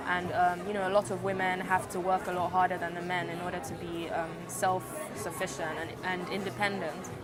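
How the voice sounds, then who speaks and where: Young Nigerian woman, hesitant, low voice. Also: flat delivery, brisk, few pauses, loud music behind the voice, a loud crowd. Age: young adult. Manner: hesitant, many fillers and restarts. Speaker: interviewee, student. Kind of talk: casual interview answers.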